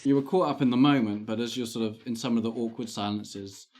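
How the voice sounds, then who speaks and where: A woman narrating a tabletop role-playing game as game master, casual and relaxed. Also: rumbling low, fast.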